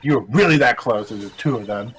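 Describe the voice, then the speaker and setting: A man's voice: medium pitch, fast, a bit bright, husky. A man voicing a stern video game lawyer who presses a witness in a pointed, dramatic manner. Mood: stern, pressing. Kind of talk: amateur video game dub. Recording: music behind the voice.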